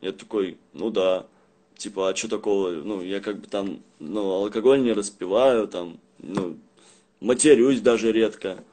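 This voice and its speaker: A young man chatting casually on a livestream in rough, swear-heavy street slang, rambling and halting as he goes. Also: lowish voice, mellow. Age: young adult. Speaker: live streamer. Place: small indoor room at home. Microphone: phone at arm's length.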